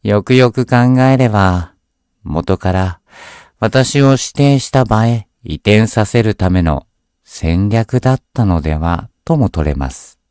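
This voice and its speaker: A man reading a scripted horror story aloud as a narrator, in a measured, deliberate storytelling delivery. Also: lowish voice, expressive, a little mellow, clean tone, no echo, studio quality.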